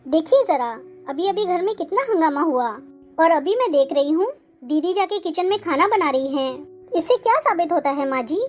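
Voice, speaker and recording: A high-pitched, sly young daughter-in-law, voiced by a woman, in a cartoon. She needles and stirs trouble in a sneaky tone over faint music.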